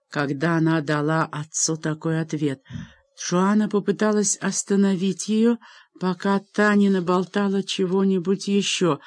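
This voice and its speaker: A woman reading a novel aloud as an audiobook narrator, with an even, expressive delivery. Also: lowish voice, dry recording.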